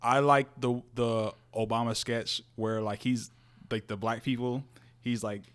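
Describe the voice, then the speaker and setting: A man's voice: medium pitch, flat delivery, unhurried, a bit bright, smooth. A young man co-hosting a podcast, talking loosely and with a lot of swearing. He tells stories with laughter and acts out quoted lines. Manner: loose, profane storytelling that slips into quoted voices; laughs often while talking. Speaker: podcast co-host. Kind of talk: casual chat.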